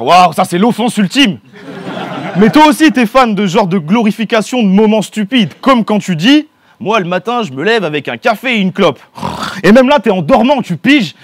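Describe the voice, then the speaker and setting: A man's voice: high-pitched, dry recording. A man battle-rapping a cappella at a live event, sarcastically taunting his opponent. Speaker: battle rapper. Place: live event before a crowd.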